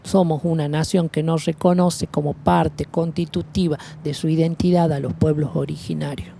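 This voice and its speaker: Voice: mid-range voice, creaky, dark tone, a little hiss or hum. A speaker from Argentina reading a scripted manifesto in a solemn, declamatory cadence with long lists. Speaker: narrator of an activist video piece. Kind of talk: scripted spoken-word manifesto narration.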